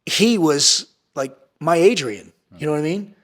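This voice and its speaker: A fairly high-pitched man talks in a blunt, fired-up way, peppering every thought with profanity and repeating lines for punch. He lurches between quick bursts and slower, drawn-out phrases, like a podcast guest laying it all out. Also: animated. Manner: blunt, intense and heavily profane, with emphatic repetition. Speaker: podcast guest, entrepreneur and former Navy SEAL. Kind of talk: candid podcast interview.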